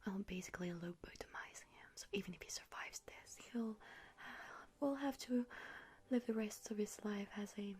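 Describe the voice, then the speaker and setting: A woman's voice: medium pitch, moderate pace, darkish tone, husky, close to an everyday voice. A young woman playing a gleeful young witch who casts hexes, in a whispered role-play, with a playfully sinister, giggly, chatty manner. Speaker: ASMR creator.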